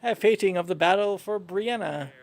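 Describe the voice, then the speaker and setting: A man voicing a pompous painter grandly pitching his own art in a video game read-along. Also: a little fast. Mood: boastful. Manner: grand, salesman-like. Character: pompous self-promoting painter selling his abstract art.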